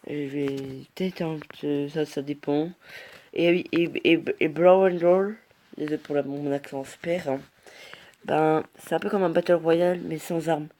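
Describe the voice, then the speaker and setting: Casual gameplay commentary, rambling, hesitant, reacting aloud, middle-pitched voice. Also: steady tone, moderate pace, a little mellow. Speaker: mobile game player.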